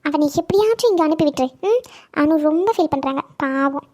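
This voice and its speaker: A woman voicing a cheeky, very high-voiced young woman. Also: expressive, a little mellow. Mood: teasing. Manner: teasing, cheeky, quick. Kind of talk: cartoon comedy acting.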